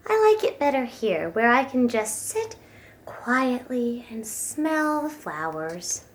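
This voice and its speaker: A woman voicing a sweet, calm, contented young bull from a storybook, quiet and dreamy. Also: on the high side, slow pace, slight background noise.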